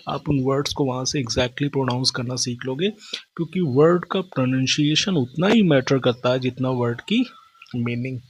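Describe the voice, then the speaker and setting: A man's voice: medium pitch, gravelly, husky. A man teaching English vocabulary in a classroom lesson, mixing Hindi and English and reading out definitions before explaining them. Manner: mixes Hindi and English, reads definitions slowly then explains.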